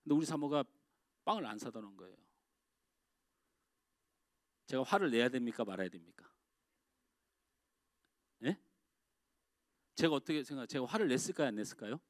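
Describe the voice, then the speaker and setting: A middle-aged man preaching a sermon as pastor in a church. He swings from loud, emphatic outbursts to quiet, confiding asides. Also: medium pitch, very animated, moderate pace, long pauses, no room sound, clean studio sound. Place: church sanctuary.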